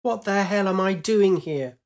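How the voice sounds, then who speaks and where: A man voicing a desperate, resilient woman starfighter pilot who shouts urgent commands. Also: high voice, quick pace, pitched above the performer's own voice. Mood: panicked.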